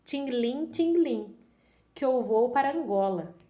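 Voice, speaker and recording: A Brazilian woman voicing a cheeky, greedy male monkey from a folk tale, chanting in a higher singsong. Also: expressive, slow, warm tone. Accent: Brazilian Portuguese.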